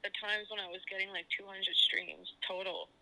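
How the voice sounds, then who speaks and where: A man's voice: sits high, flat delivery, normal speed, bright, forceful tone. A young adult man, a musician guest, talking loosely over a phone line and often saying "like". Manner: loose, rambling, leans on "like". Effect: heard over a phone line. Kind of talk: casual phone interview.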